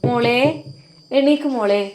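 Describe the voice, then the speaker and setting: A woman voicing a gentle, doting elderly mother-in-law who coaxes and pleads. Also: fairly high pitch, takes it slowly, a little hiss or hum. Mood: coaxing. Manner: coaxing, pleading softly.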